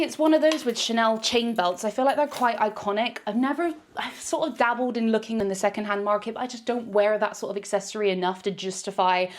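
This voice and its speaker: Chatty British woman reviewing fashion. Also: a little high. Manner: candid, animated, quick asides. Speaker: fashion vlogger. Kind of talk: chatty try-on haul review.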